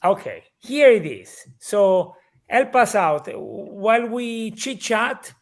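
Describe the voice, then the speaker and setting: A man with an Italian accent hosting a live interview in English, effusive and halting with fillers. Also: high-pitched, sing-song. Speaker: host.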